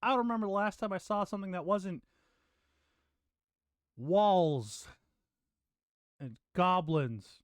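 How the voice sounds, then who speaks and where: A man's voice: high-pitched, slow, long pauses, no echo, clean studio sound, pitched above the performer's own voice. A man voicing a weary, odd man who has been stuck in a dungeon for decades and asks rambling, random questions.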